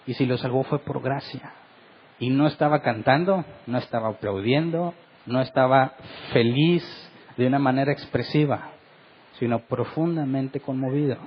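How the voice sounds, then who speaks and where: A man's voice: mid-range voice, moderate pace, husky, muffled recording. A middle-aged man, a pastor, preaching earnestly in a Bible study and asking his listeners rhetorical questions.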